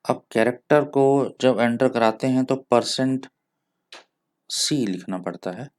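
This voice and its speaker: The Indian-accented tutor moves a little slowly here, his mid-range voice darkish in tone. He patiently guides viewers through programming one step at a time in a screen-recorded lesson, mixing in English terms.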